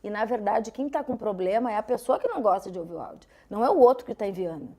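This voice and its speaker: Mellow-voiced woman journalist guest. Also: medium pitch, lively intonation, fast talker, slightly rough. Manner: earnest, reflective, explanatory. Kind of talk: casual podcast chat.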